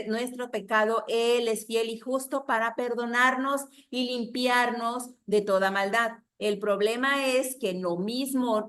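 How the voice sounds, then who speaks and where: A woman with a Mexican Spanish accent teaching a Bible class, lively and preacher-like, asking the class rhetorical questions. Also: a little high. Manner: animated preaching with rhetorical questions and acted-out quotes.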